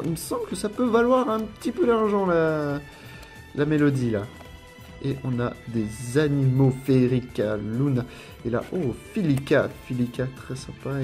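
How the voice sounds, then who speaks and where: Casting: French guy, casual rambling unboxing commentary, mid pitch, faint music underneath. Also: darkish tone. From France. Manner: rambling, repeats words, lists card names. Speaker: YouTuber unboxing trading cards.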